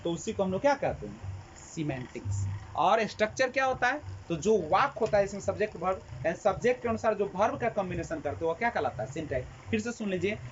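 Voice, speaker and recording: Classroom teacher, quiz-and-answer delivery, repeats key terms; slightly muffled recording with faint background noise. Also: mid-range voice. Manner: asks the class a question, then answers it himself. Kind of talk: classroom lecture with call-and-response questions.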